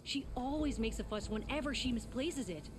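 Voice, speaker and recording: A woman's voice: a little high, normal speed, background noise, close to an everyday voice. An actress playing a loyal young woman companion in a video game, earnest and worried. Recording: game audio under loud music.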